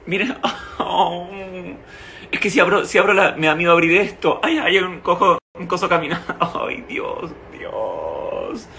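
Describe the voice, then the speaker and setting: His voice is high-pitched and sing-song, a little slow, bright and forceful, with vocal fry and reverberation around it. This thirtysomething Argentine vlogger talks dramatically to his followers, exclaiming and repeating himself, mostly from his home kitchen. It is a noisy handheld phone recording with the mic at varying short distances.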